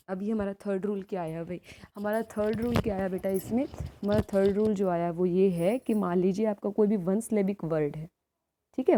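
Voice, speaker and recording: A woman teacher explaining a grammar lesson, asking questions and answering them herself, reading rules out slowly. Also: mid-range voice, dark tone. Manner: asks questions and answers them herself, calls students beta; reads rules slowly and clearly. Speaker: school teacher. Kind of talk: classroom grammar lesson in Hindi-English mix.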